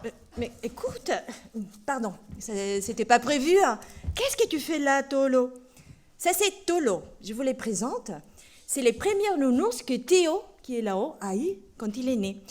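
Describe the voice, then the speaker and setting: A woman preacher giving a playful children's sermon in a church. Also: high voice. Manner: lively and playful, talking to children.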